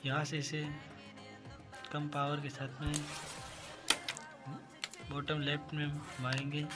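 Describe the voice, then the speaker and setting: A man gives a running voice-over of his own mobile carrom game, explaining each shot as he plays it. His voice sits a little high and stays level in pitch. Game music plays clearly behind him. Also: monotone, takes it slowly. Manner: talks through each shot, calls viewers "guys". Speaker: gaming channel host. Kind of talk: casual gameplay commentary.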